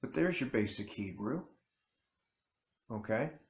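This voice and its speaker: This independent Bible teacher, a man who speaks English as his first language, chats his way through a rambling commentary to camera, often abandoning sentences and restarting them. His medium-pitched voice has lively intonation and a slow pace. The sound is reverberant, with a little hiss or hum.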